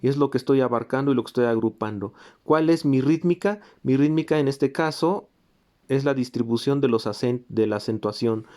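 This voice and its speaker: This recorded music theory lecture features a man of medium pitch explaining in a steady manner. He refers to examples as he talks and demonstrates the accents by singing short rhythm syllables.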